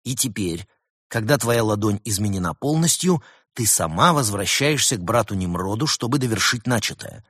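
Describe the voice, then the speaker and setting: A man voicing a shrewd talking male fox who explains things with lively insistence in an audiobook. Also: on the low side, normal speed, husky, no echo, clean studio sound. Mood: insistent. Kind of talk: audiobook character voice.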